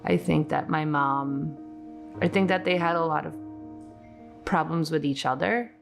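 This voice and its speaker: Low, slow, gravelly-voiced woman in her forties. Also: soft background music. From Poland. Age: 40s. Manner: casual, reflective, many fillers like "like". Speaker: interviewee. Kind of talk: documentary interview, personal recollection.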